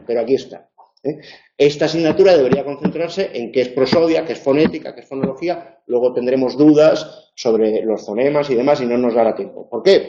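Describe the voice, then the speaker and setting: Male lecturer, chatty and wry with lots of fillers, mellow voice in an echoey room. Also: medium pitch, a little hiss or hum. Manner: chatty, wry asides, many fillers and restarts. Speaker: university lecturer. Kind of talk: informal tutoring lecture. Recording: dull roomy classroom recording.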